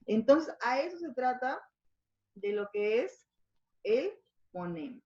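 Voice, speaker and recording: Peruvian teacher explaining in an echoey room. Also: female voice, a little high, very animated, slow pace, a little mellow, highs cut off. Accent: Peruvian Spanish. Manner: explanatory, checks in with frequent tag questions. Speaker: schoolteacher. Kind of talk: recorded language lesson.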